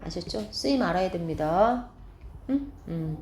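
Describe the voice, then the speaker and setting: Woman teacher lecturing, steady mid pitch, checks understanding often, roomy classroom, faint hum. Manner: explains step by step, asks students quick check questions. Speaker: science teacher.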